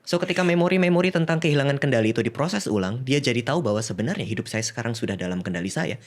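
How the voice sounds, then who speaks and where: A man's voice: mid-range voice, animated, racing. A man, a psychiatrist guest explaining cases with examples in a casual podcast chat, laughing easily and mixing in English.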